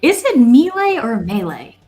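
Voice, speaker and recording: A woman's voice: fairly high pitch, sing-song, a little slow, dark tone, rough recording. A woman running a tabletop game as game master, laid-back and chatty, sprinkling in filler words.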